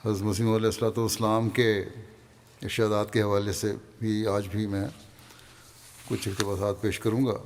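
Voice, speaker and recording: A man with a Pakistani Urdu accent delivering a Friday sermon, calmly reading and explaining quoted passages. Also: on the low side, big-room sound, a little hiss or hum. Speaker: religious leader giving a Friday sermon.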